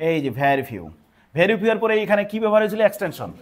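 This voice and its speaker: A male teacher giving a classroom grammar lesson, posing questions to the class and answering them himself, reading the board's examples slowly. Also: high-pitched, animated.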